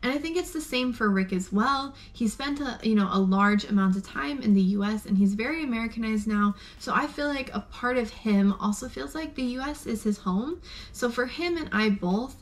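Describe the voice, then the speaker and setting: Chatty higher-voiced young woman vlogger. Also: moderate pace. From Arizona, USA. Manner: chatty, gushing, many "like" fillers. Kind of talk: casual chat.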